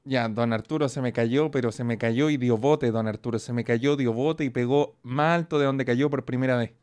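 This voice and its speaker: A young man with a Chilean accent who streams, talking in excited, profane, joking casual commentary. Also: medium pitch, moderate pace, smooth.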